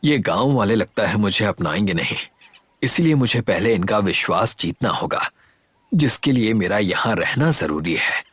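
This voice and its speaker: A soft-spoken, patient doctor, expressive pitch, cartoon story, music under. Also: male voice, normal speed, husky. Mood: gentle. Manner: gentle, reasoning, reassuring. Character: kind, patient village doctor. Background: background music.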